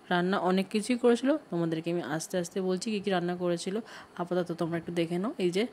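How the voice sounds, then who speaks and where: A woman talks through her vlog footage in a chatty, explaining voice-over. Her pitch stays level and even throughout. A faint noise sits under the recording. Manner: chatty, explains family names and relations. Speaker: vlogger.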